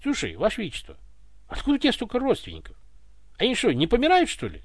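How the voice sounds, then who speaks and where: A man's voice: high voice, huge pitch swings, quick pace, no echo, voice pushed up, exaggerated voice. A man voicing a brash, cheeky young commoner who keeps joking in folksy speech, read dry and close.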